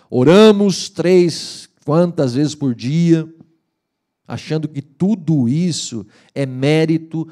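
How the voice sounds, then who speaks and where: A man preaching a sermon in a lively way, acting out the voices he quotes. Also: fairly high pitch. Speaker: pastor. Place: church hall.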